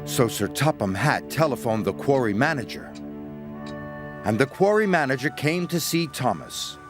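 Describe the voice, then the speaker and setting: A man narrating a children's storybook in an expressive, unhurried reading. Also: medium pitch. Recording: music playing behind.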